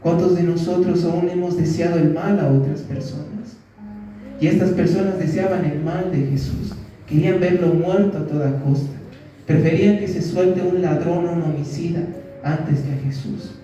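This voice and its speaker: A man preaches a sermon in a church, leaning on questions to his listeners and short acted quotes. His voice is dark and mellow and sits a little high. The sound comes from some distance in a heavily echoing hall with faint music behind. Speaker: pastor.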